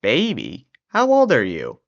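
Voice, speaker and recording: A performer voicing an eccentric, excitable and timid old man in a storybook tale. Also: mid-range voice, a little slow, creaky, highs cut off, heavily acted. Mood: cheerful.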